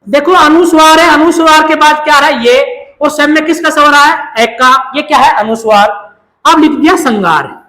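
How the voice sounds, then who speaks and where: A woman's voice: high voice, moderate pace, sharp tone. A woman teaches a grammar class. She keeps asking questions and answering them herself, drilling each term again and again. The sound is echoey, as if recorded in a bare room. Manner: asks questions and answers them herself, repeating key terms.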